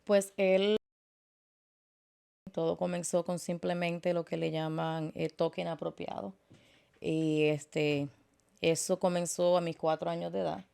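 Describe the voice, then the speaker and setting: A woman, a guest telling her story in an interview in an earnest, halting way with many fillers. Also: on the low side, fairly even intonation, gravelly, warm tone, clean tone. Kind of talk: personal testimony in interview.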